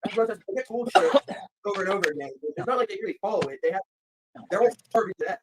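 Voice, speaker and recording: Man, high-pitched, rapid, blunt and contradicting in casual chat. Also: lively intonation, noisy background.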